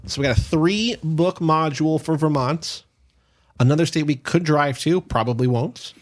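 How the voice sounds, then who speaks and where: A man's voice: a little high, moderate pace. A man co-hosting a podcast, casually chatting and leading with questions. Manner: inquisitive, leads with questions. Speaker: podcast co-host. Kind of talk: casual chat.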